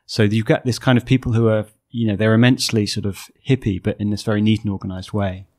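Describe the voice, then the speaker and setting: A man's voice: fairly low pitch, flat delivery, fast, darkish tone. A man hosting a casual podcast chat, hesitant with many fillers. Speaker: podcast host.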